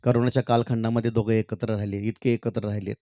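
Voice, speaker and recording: A man's voice: lowish voice, little pitch movement, no room sound. Dry-voiced male poet singing and chatting on stage. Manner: sings poem refrains slowly and loudly, then talks warmly and chattily to the crowd. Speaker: poet performing for an audience. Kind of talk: stage poetry recital with talk to the crowd. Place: stage at a public event.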